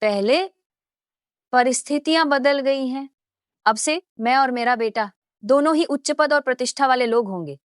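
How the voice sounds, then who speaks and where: A woman's voice: high-pitched, dry recording, clean studio sound. Woman voicing a scheming, mocking mother. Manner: mocking and scornful. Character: scheming middle-aged mother, cold and cruel. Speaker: dubbing actor. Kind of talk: Hindi dub of a short drama.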